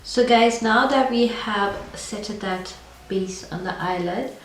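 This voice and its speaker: A woman speaks at a slow pace and medium pitch, her voice scratchy and stuffed up from a cold. As a beauty vlogger, she chats and rambles casually through a makeup review in an echoey room, sitting far from the mic amid faint noise.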